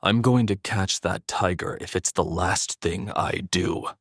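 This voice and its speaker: A man's voice: deep voice, unhurried, no room sound, studio quality. A man voicing an angry, cursing crime boss in an audio drama. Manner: angry, swearing. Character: cursing frustrated cigar-smoking male boss.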